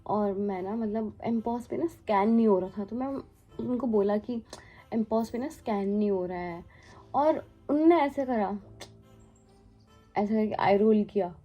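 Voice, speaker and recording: The recording sounds muffled, with faint, soft music behind a young cabin crew woman chatting through a story. She blends English into Hindi with lots of fillers, speaking at a measured pace in a medium-pitched voice.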